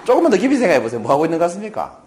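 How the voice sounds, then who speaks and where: Animated male lecturer quizzing an audience. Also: high-pitched, racing. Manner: playful, jokes and quizzes the audience. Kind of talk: lively lecture with audience questions.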